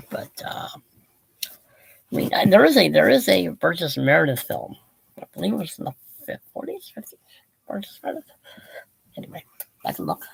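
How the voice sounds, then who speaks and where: A man's voice: on the high side, creaky, slightly rough, low-quality recording. A man who is losing his voice, talking casually and rambling about his books, restarting sentences and drifting off topic. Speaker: channel host. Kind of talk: casual rambling book talk.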